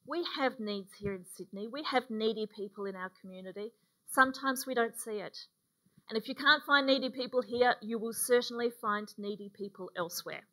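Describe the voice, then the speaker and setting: A middle-aged woman preaching a sermon in a relaxed, conversational way with frequent ums, speaking from a lectern on a church stage. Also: a little high, brisk. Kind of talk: sermon with a mission story. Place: dark church stage, indoors.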